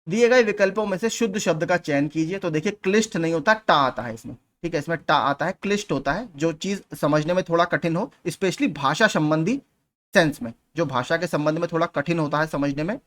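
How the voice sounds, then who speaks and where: A man teaching exam preparation, going through spelling questions one at a time and patiently repeating the key points. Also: fairly high pitch.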